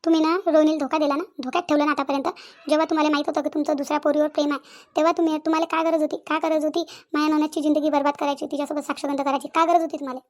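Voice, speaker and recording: A woman's voice: high-pitched, flat delivery, racing, close to an everyday voice. A woman voicing a chatty young sister-in-law in a village cartoon, bickering and confronting.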